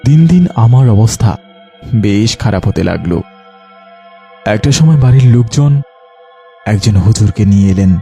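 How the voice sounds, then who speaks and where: Brief: male storyteller for a first-person ghost story, dark mellow tone, faint music underneath. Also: lowish voice, expressive, measured pace, long pauses. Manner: earnest, dramatic storytelling. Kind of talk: dramatized ghost story narration.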